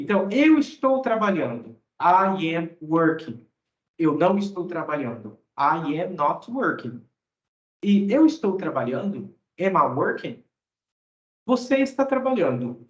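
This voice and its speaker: A Brazilian man, a native Portuguese speaker, explains English grammar as a teacher, often checking in with his listeners. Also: on the high side. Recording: roomy, dull lo-fi sound.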